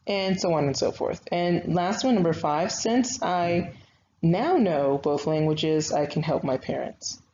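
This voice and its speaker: This is a recorded online grammar lesson from a young woman writing instructor whose voice is on the low side, expressive and a little mellow, delivered at a measured pace. She talks patiently and conversationally, using frequent fillers, over slightly dull lo-fi audio with faint noise.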